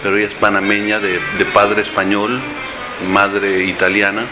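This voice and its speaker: A man's voice: fairly low pitch, monotone, moderate pace, over music. An older man, a mayoral candidate, answering interview questions in a café, hesitating with many fillers and restarts. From born in San Antonio, Texas, raised in Mexico and Central America. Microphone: handheld recorder held close.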